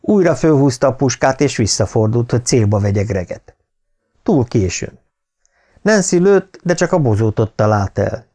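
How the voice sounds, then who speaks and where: A man narrating an audiobook thriller in a calm, measured way. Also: mid-range voice.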